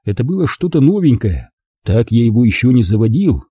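A man narrating a first-person audiobook in a measured, dry way, with a husky voice. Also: mid-range voice, very animated, mellow, dry recording, muffled recording.

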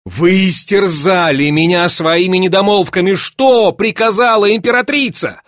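A man's voice: high voice, unhurried, fairly bright tone, dry recording, studio quality, voice pushed up. A man reading an audiobook, voicing a panicked middle-aged banker who pleads in frightened, rising outcries.

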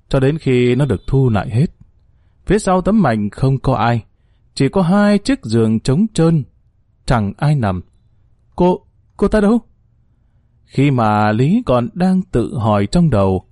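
A man's voice: medium pitch, warm tone, no echo, clean studio sound. A man narrating a horror story in a dramatic, suspenseful way.

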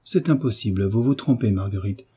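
A man with a husky, dark voice voicing an anxious, devoted young woman. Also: lowish voice, a little fast.

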